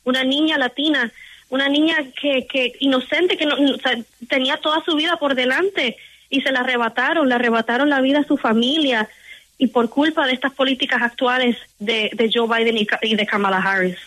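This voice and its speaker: A woman's voice: sits high, steady tone, brisk, a bit bright, poor audio. A Puerto Rican woman in her twenties, a campaign guest answering interview questions in an emphatic, insistent way and often repeating words. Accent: Puerto Rican Spanish. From Puerto Rico.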